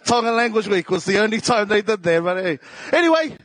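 A South Auckland comedian from New Zealand tells casual stories live on stage, joking and poking fun at himself in slang. He speaks briskly in a high-pitched, sing-song, fairly bright voice.

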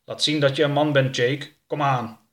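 A man voicing a gruff, bossy middle-aged male official in an audiobook, curt and commanding. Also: mid-range voice, fairly even intonation, moderate pace, fairly bright tone, lightly acted. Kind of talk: audiobook character voice.

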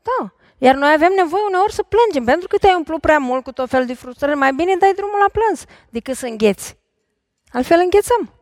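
A middle-aged woman, a couples therapist, talking on stage before an audience, lively and putting questions straight to the listeners. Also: high-pitched, dry recording, studio quality. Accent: Romanian. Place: large concert hall stage.

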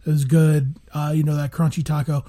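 A man co-hosting a casual food-review chat, relaxed and drawn out, saying "man" a lot. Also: a little high, brisk. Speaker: podcast co-host.

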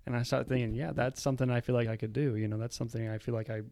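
A man's voice: medium pitch, fairly even intonation, rapid-fire, vocal fry, mellow, no echo. A man casually sharing a personal reflection in a conversation. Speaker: panel guest. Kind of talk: casual chat.

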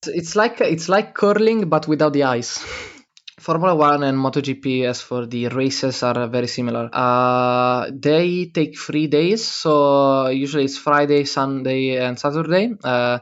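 A man's voice: mid-range voice, fairly even intonation. A teenage guy with an Italian accent and a mid-range voice explains things at an easy pace, stumbling through fillers and restarting his sentences. The sound is dull and lo-fi. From Italy. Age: teens. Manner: halting, many fillers, self-corrections. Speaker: guest. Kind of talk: casual explanation. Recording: dull lo-fi recording.

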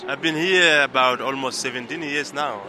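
A man from the Gambia, a former football player, telling his story in a relaxed, thoughtful way. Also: medium pitch, normal speed, over music.

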